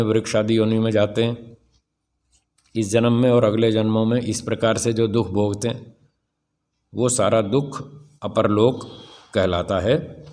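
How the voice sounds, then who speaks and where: A man's voice: on the low side, a little mellow. Older man giving a firm scripture talk. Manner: firm, rhetorical, asks the audience questions. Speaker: swami teaching scripture. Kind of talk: spiritual discourse lecture.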